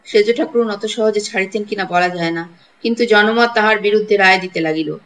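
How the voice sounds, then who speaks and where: A woman reading a classic story aloud with expressive delivery, voicing each character's lines in a quarrel. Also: mid-range voice, fairly quick, rough recording. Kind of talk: dramatic storybook reading with voiced dialogue.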